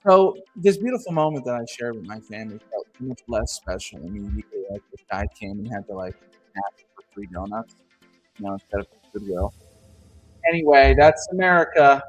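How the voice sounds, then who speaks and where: A man's voice: on the low side, very animated, brisk, faint music behind. Chatty man, crackling cutting-out mic. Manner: rambling storyteller, loose and chatty. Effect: crackling mic with a loose cable, cutting out. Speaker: podcast co-host. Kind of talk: casual chat.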